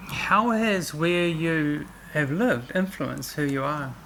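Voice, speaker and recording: A woman's voice: deep voice, animated, slow pace, a bit bright, slight background noise. A woman hosting a casual interview, asking her co-host questions in a hesitant way with many ums.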